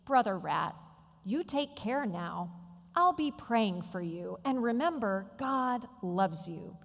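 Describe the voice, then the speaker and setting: A woman's voice: a little high, expressive, takes it slowly, vocal fry, in a large hall, full character voice. A woman voicing a pious farmyard goat who offers pity and prayers but no help. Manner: sympathetic, folksy, pious.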